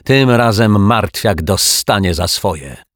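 A man reading a children's story, voicing an eager young boy who shouts excitedly. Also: on the low side, slow pace, dry recording, studio quality.

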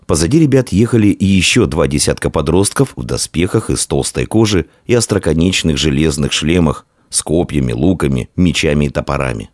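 Very deep-voiced male storyteller. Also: a little fast, hardly any pauses, no echo, clean studio sound. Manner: expressive, dramatic storytelling. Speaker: narrator. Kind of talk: scripted audiobook narration.

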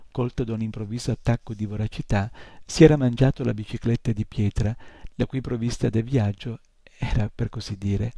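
Gravelly, dark-voiced man reading a novel. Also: mid-range voice, no room sound. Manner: measured storytelling. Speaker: reader of a novel. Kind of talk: audiobook reading.

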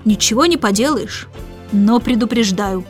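A woman voicing a grumbling middle-aged father in a storybook reading, loud and hurried. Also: on the high side, lively intonation, soft background music, close to an everyday voice. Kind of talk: audiobook character reading.

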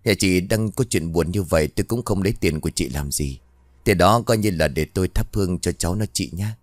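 A man's voice: low-pitched, fairly quick, no echo, studio quality. Man as a courteous middle-aged taxi rider. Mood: gentle.

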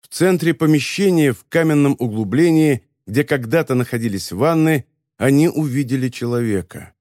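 A man reading a story as an audiobook narrator, in an even, measured telling. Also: medium pitch, no echo, studio quality. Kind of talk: scripted narration.

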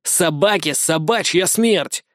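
A man's voice: very animated, normal speed, darkish tone, no echo, clean studio sound. A man voicing a spiteful teenage boy who jeers and gloats in an audiobook. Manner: jeering, shrill.

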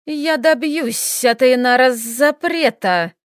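Narrator putting on a proud dragoness mother: higher, forceful, commanding, in a dry storybook read. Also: slow, dry recording. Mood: cold. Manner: raised, sharp and commanding. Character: cold, furious noble dragoness mother.

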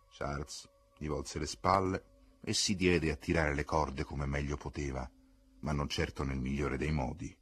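A man reading a novel aloud in an expressive, dramatic audiobook narration. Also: low-pitched, slightly rough. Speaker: audiobook reader. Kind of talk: scripted narration.

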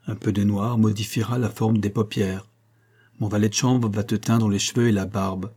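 A jovial, theatrical male opera singer, read by a man, lively and commanding in his talk. The voice sits low and dark, with a husky edge. The delivery is expansive and bright with enthusiasm. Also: normal speed.

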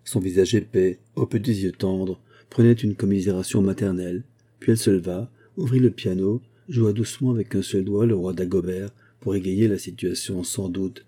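A man reading a classic novel as an audiobook, in a measured, steady narration. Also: deep voice, husky.

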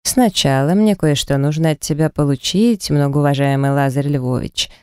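A cruel kidnapper taunts his rival in a smug, sing-song way, as a man reads him aloud. The voice is dark and smooth, recorded close and dry for an audiobook. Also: a little high, normal speed, dry recording, close to an everyday voice. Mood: mocking. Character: gloating male kidnapper villain, mocking and cruel.

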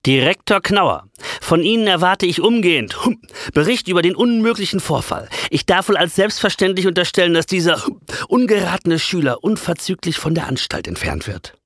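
A man voicing a pompous older school inspector who clears his throat with hums, in a storybook reading. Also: high voice, very animated, normal speed, a bit bright, no echo, studio quality, pitched above the performer's own voice, heavily acted. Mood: stern.

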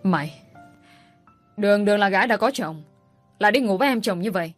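A woman's voice: medium pitch, brisk, soft background music, natural voice. A woman reading an audiobook voices an enraged father who berates his daughter with contempt. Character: enraged father, middle-aged man.

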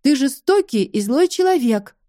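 Woman doing a feisty young heroine, higher voice that swings a lot, soft warm tone. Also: animated, normal speed, dry recording, studio quality. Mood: indignant. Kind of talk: audiobook first-person dialogue.

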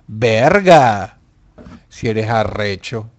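A man's voice: fairly low pitch, lively intonation, drawn-out words. A young man hosting a casual live stream, reading viewer comments and answering them with profane, mock-angry jokes.

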